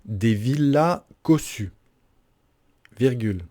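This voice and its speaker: A man's voice: medium pitch, expressive, slow, dark tone. A man dictating as a teacher does, phrase by phrase, carefully articulated, with punctuation spoken aloud and each sentence repeated.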